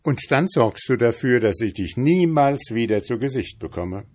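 A man's voice: medium pitch, expressive, moderate pace, a little mellow, natural voice. A man voicing a clever young male journeyman in a read-aloud fairy tale, speaking in a politely mocking, sly way. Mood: commanding.

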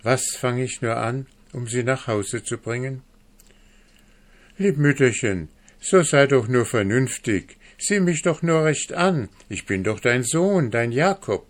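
A man's voice: mid-range voice, lively intonation, slow, pitched above the performer's own voice. A man reading a fairy tale aloud, voicing a frightened young dwarf who pleads anxiously with his mother. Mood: pleading.

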